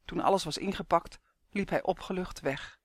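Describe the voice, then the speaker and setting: Brief: calm storybook narrator, mid pitch, even and measured, dry close recording. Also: no room sound. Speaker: audiobook narrator. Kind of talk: scripted audiobook narration.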